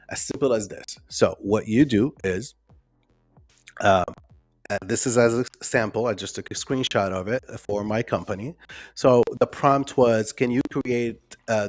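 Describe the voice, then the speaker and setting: Speaking at a medium pitch in a dry recording, a non-native English speaker runs a live online workshop. He keeps things casual, stumbling through plenty of ums and restarts while reading out comments from viewers.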